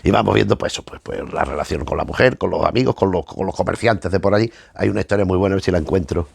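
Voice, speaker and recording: A man's voice: sits low, quick pace, creaky, slight background noise. A man reviewing comic books in a casual, hesitant way, often repeating words as he searches for the next thought. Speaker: comic book reviewer, channel host. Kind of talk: casual spoken review while leafing through comics.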